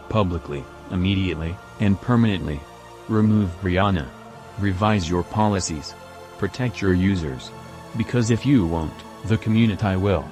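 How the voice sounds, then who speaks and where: Stern man in a disguised deep voice. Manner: formal, stern and accusing. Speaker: anonymous activist spokesman. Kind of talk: scripted statement.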